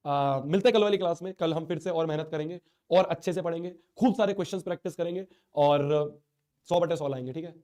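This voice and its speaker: A man's voice: a little high, fast, warm tone. A man teaching a live online class, speaking in a hurt, earnest, pleading way while he has a sore throat and a stuffy nose.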